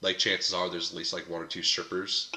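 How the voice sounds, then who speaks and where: Fast-talking, rambling man. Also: low-pitched, level tone, pushed and bright, reverberant. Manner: rapid, rambling, full of "like". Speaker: podcast co-host. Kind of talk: casual banter.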